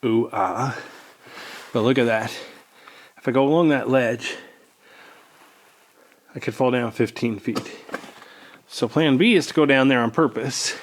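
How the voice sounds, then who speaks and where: A man's voice: medium pitch, measured pace, pauses often. A man narrating a casual exploration vlog inside a cave, rambling with dry humor, his voice echoing off the rock. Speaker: cave explorer filming himself.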